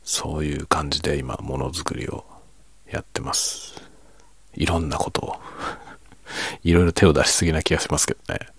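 A man with a very deep, gravelly voice speaks softly in a casual, reflective monologue. His husky tone stays low-key and self-deprecating, as if talking late at night. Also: fairly even intonation, moderate pace, long pauses, dry recording. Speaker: streamer and hobby novelist.

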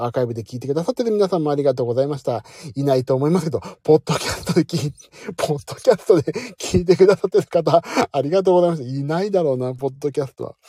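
Male streamer, lively self-mocking late-night chat, dark dry close sound. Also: medium pitch, no room sound. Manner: chatty, self-mocking, warm sign-off to listeners. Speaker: live audio stream host.

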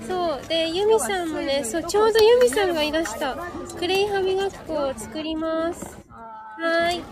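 Casting: woman stall host, very high voice, welcoming customer-service delivery, live outdoors among a crowd. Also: expressive, moderate pace, music in the background. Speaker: live streamer and clay therapist running a market stall. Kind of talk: live streaming chat mixed with serving customers. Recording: busy outdoor crowd noise behind. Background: crowd chatter.

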